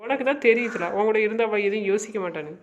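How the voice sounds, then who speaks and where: A young man acting as a pushy friend, nagging and coaxing in a quick, high voice. The amateur web-drama recording sounds dull and lo-fi. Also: animated, slight background noise. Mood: urging.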